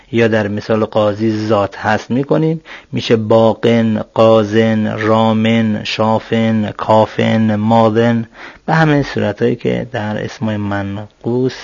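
A man teaching Arabic grammar, working through exercises and slowly spelling out each example word. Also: fairly low pitch, gravelly, a little mellow, no room sound. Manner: slow, deliberate, spells out example words. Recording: dull, dry lo-fi sound.

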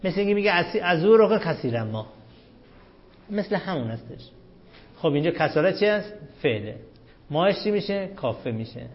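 A man with a fairly high voice teaches a grammar class, firing questions at his students and answering them himself. He recites the analysis of each word in a slow, chanting cadence. The recording is dull and lo-fi. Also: sing-song. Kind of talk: Arabic grammar lesson.

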